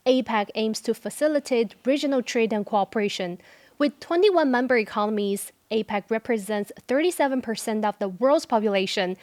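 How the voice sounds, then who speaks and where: A woman hosts a studio talk show in a clear, scripted way, her voice sitting a little high. The sound is dry and close, with no room in it. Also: no room sound. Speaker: host.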